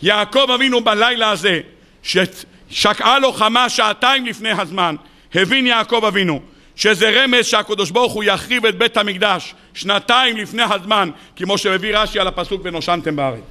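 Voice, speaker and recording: A man giving a sermon as a rabbi, animated and firing rhetorical questions at his audience. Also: high-pitched. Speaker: rabbi preaching on the weekly portion.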